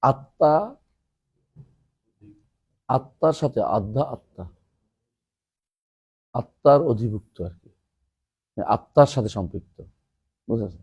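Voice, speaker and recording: A man, teaching a classroom lesson, asking his students questions and reciting Arabic verses slowly. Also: medium pitch, lively intonation, darkish tone, slightly rough. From Bangladesh. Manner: asks students questions and explains term by term. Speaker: teacher of an Islamic text class.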